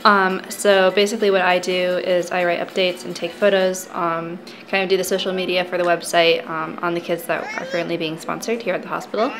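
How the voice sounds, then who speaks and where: An American woman in her twenties, a charity coordinator, explaining her work in a relaxed way with frequent ums. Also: lowish voice, brisk, hardly any pauses, a little hiss or hum, poor audio. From United States. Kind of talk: casual explanatory talk.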